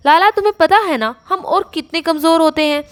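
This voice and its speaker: A woman's voice: extremely high pitch, a little fast, pitched above the performer's own voice. A woman doing a whiny, nervous weakling. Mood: pleading. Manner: nervous, pleading, stammering. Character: weak, chattering, whiny young man.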